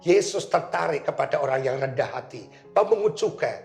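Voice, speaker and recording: Pastor, high voice, animated sermon delivery, roomy church echo. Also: male voice, a little fast, gravelly. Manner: animated storytelling, acting out voices. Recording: echoey church with faint music.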